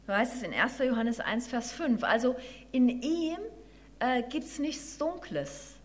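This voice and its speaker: A woman tells a children's animal story in a gentle, expressive way, then turns it into a brief devotional reflection. Her voice sits somewhat high for a woman. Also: measured pace.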